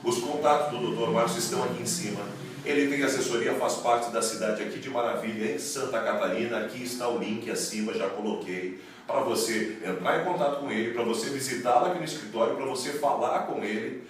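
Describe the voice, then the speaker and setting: A man's voice: mid-range voice, fairly quick, a little hiss or hum. A man addressing viewers in an emphatic, preacher-like promotional video, recorded in an office. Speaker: network marketing promoter. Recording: echoey room, mic far off.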